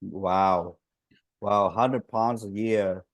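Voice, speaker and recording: A man hosting a casual podcast interview. His speech is halting, with restarts, and his grammar is slightly nonstandard. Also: on the low side, steady tone. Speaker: podcast host.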